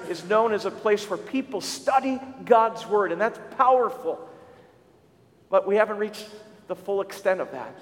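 A male pastor giving a conversational sermon with church updates, often restarting and repeating words. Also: high voice. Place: church sanctuary. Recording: long church reverb.

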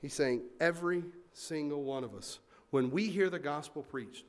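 A man as a pastor preaching a sermon in a lively, conversational way, with asides to the congregation. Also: on the high side, moderate pace.

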